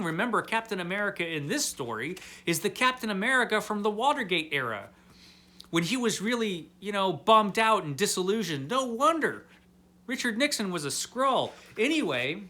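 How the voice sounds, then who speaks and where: The male host of a comic book review series recaps comics for viewers in a casual, comedic, tongue-in-cheek way, acting mock-baffled. His higher-pitched voice is forceful and animated, hitting key words hard and drawing them out.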